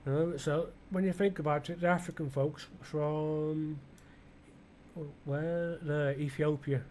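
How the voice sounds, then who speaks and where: A British gaming video creator muses aloud through rambling flight-sim commentary, often questioning himself, restarting sentences and tossing in blunt, mildly irreverent asides. His voice is on the high side and a little mellow, with fairly even intonation and a slow delivery. A faint hiss or hum sits under the recording.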